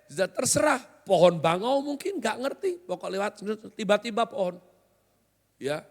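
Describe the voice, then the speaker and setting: High-voiced joking pastor in a reverberant hall. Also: male voice, animated, moderate pace. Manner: joking, conversational, often quizzes the congregation. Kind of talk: sermon. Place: large hotel hall used as church.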